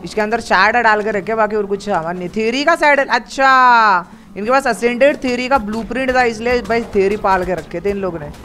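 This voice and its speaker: A man with an Indian accent hosting a multiplayer gameplay video, excitedly hyping a raid and making playful sound effects. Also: high voice, brisk, faint music behind. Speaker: gaming channel host. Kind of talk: live multiplayer gameplay chat.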